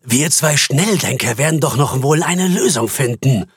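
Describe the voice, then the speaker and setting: A man voicing a harsh, irritable bank CEO who speaks in a curt, scornful way, with a husky voice. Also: mid-range voice, lively intonation, moderate pace, no echo, studio quality, pitched above the performer's own voice.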